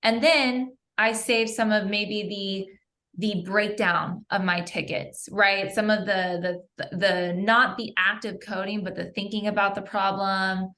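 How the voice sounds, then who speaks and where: A woman, a software engineer, talking through her workday in a chatty, upbeat way with students on a panel. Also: mid-range voice, steady tone, unhurried. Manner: upbeat, chatty, many "like" and "you know" fillers. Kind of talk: casual panel talk with students.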